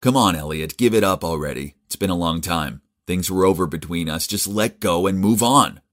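An exasperated young man telling an ex to let go, voiced by a male narrator close to his own low voice. He talks firmly and impatiently. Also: moderate pace, a bit bright. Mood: angry. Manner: firm, exasperated. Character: young man, blunt ex-boyfriend.

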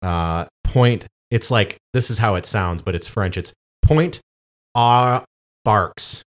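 Man, podcast co-host, lower voice, loose rambling chat. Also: unhurried. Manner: rambling storytelling with many fillers. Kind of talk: casual chat.

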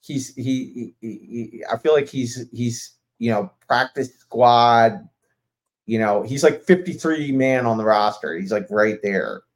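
A man co-hosting a podcast in relaxed conversation, with a mid-pitched voice. He speaks easily, asks a lot of questions, and often lets his sentences trail off. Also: unhurried. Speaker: podcast co-host. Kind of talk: casual chat.

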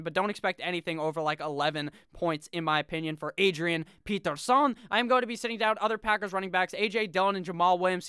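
A young man with a high, bright and smooth voice gives casual solo commentary. His manner is brash and profane, full of jokey asides. The sound is close and dry. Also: no echo. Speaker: fantasy football video host.

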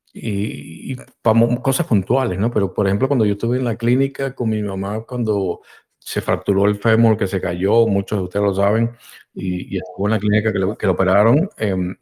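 A man hosting a live call-in podcast, speaking haltingly and repeating words as he thinks. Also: fairly low pitch, mellow. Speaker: podcast host.

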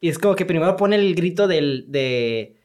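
This is a casual film conversation from a Mexican-accented speaker who sounds animated and slangy and keeps adding sound effects and filler tags. The voice is mid-range and moves at a normal speed.

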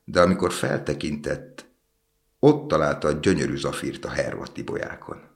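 A man narrating a fairy tale in a calm, measured way. His voice is extremely low and deep, steady from line to line, the plain register of a storyteller reading from a book.

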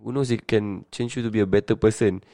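A man's voice: on the low side, fairly even intonation, fast talker, mellow, dry recording, studio quality. A young man with a Singaporean accent in casual, bantering chat, speaking colloquial Singlish sprinkled with Malay slang.

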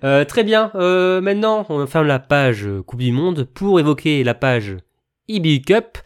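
A man hosting a casual sports podcast, leading the talk with a relaxed, hesitant manner and many fillers. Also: fairly high pitch, a little slow, clear, resonant tone. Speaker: podcast host.

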